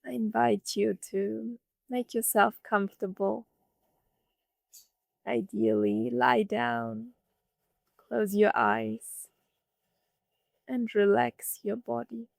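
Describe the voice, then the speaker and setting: Speaking on the high side with fairly even intonation, a woman reads a scripted guided meditation. Her delivery is gently soothing, in short phrases with long pauses, and her voice shows vocal fry. No room sound can be heard.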